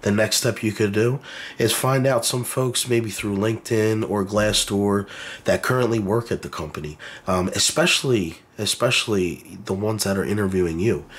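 A man with a stuffed-up, nasal voice from a cold gives casual career advice to camera. His voice sits fairly low and has a husky edge. He talks in a direct, encouraging way, dropping in plenty of ums and uhs. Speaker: YouTuber giving career advice.

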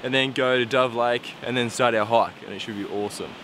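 Here a young adult man from Tasmania, Australia, talks to his camera at arm's length during a hike on a wet, windy mountain. His mid-range voice keeps a fairly even intonation and moves a little fast. The casual vlog narration is enthusiastic and rambling with ums, over noticeable background noise.

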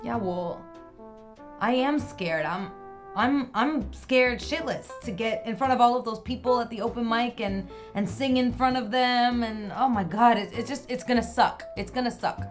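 A woman playing a nervous young singer who doubts herself, talking in a hesitant, halting way. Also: on the high side, faint music behind, lightly acted. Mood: scared. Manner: hesitant, halting, quick when upset. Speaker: aspiring singer. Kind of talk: web series acting.

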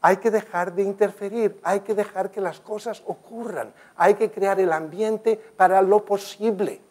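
An older man gives a slide talk in a conference room with a projector screen. His voice sits high and his pace is measured as he tells stories earnestly, gesturing animatedly, with some restarts.

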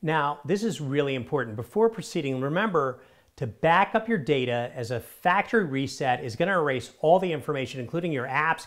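A middle-aged man hosting a scripted tech how-to, talking in a direct, upbeat, conversational way on a lapel mic in a studio. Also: mid-range voice. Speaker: tech tips host. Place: in front of a studio screen wall, indoors.

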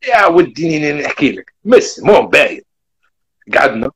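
A young man with an Algerian Arabic accent, telling his own migration story in a casual, animated way and acting out the back-and-forth. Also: on the high side, breathy edge. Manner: animated, rapid retelling with quoted back-and-forth.

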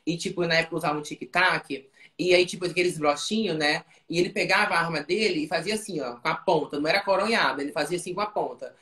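Interview guest, woman, lower register, chatty storyteller who keeps checking the listener follows; roomy echo. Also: fast talker, a bit bright. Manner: tells it vividly, often checking in with "entendeu?"; frequent fillers and restarts.

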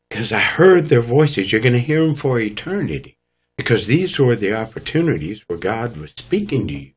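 A man's voice: lowish voice, slightly rough. A man, a guest preacher, telling his testimony in an emphatic, dramatic preaching manner. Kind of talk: testimony storytelling.

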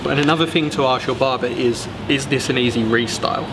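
Quick young man giving tips outside. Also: medium pitch, fairly even intonation. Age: young adult. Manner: brisk, practical, addresses viewers as guys. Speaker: vlog co-host. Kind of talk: casual advice to camera. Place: outdoors on a city street. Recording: loud street noise outdoors.

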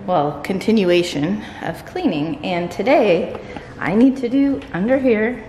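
A woman's voice: mid-range voice, a little slow, noisy background. A woman in her thirties chatting matter-of-factly in a cleaning vlog, filmed on a handheld camera in the kitchen of an empty house. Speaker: vlogger. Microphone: handheld camera at arm's length. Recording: roomy echo in an empty house, music behind.

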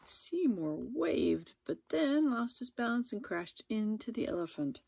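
Lively woman reading a storybook aloud. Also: fairly high pitch, a little slow, vocal fry, breathy edge, no echo. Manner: gentle, lively, with asides to viewers. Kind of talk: storybook read-aloud for children.

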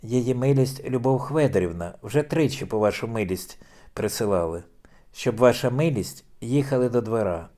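A man's voice: mid-range voice, lively intonation, normal speed, dark tone, close to an everyday voice. A man voicing a deferential male household servant in an audiobook reading.

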